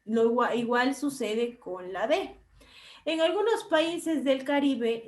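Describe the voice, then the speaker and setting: High-voiced woman teacher explaining, echoey. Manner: explanatory, checks in with frequent tag questions. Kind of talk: online class lecture.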